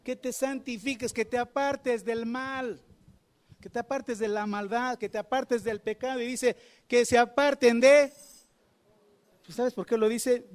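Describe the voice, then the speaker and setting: A man's voice: extremely high pitch, steady tone, normal speed, darkish tone. A man preaching a sermon, asking the congregation questions and repeating phrases for emphasis. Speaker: pastor.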